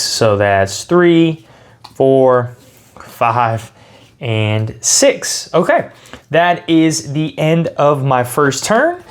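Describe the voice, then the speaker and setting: A man with a mid-pitched voice hosts a casual card game playthrough. He explains each step as he goes and reasons out his choices aloud. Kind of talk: casual tabletop game walkthrough.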